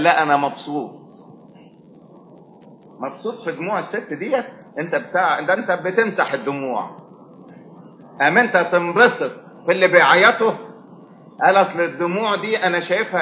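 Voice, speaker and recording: Egyptian male preacher, slightly high voice, dramatic swings in volume, echoey lo-fi recording. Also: a little hiss or hum. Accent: Egyptian Arabic. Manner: dramatic, swings between hushed and loud passages. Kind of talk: sermon. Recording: roomy, dull sound with faint ambience.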